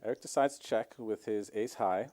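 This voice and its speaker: A man's voice: lowish voice, moderate pace. A man commentating a live poker stream, walking through each hand play by play. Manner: relaxed play-by-play, explains the hand.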